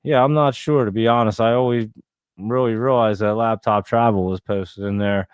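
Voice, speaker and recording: A man's voice: on the low side, fairly even intonation, normal speed, clear, resonant tone, no room sound, lo-fi sound. A man in his forties with a New Jersey accent, rambling casually as he hosts a live stream and answers viewer comments. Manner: rambling, chatty, lots of fillers and restarts. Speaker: livestream host.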